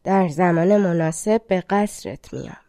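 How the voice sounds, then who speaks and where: Fairy-tale queen in disguise, calm, devoted, woman reading her, mellow, dry. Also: on the low side, no echo, lightly acted. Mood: tender. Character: clever young queen disguised as a lute player.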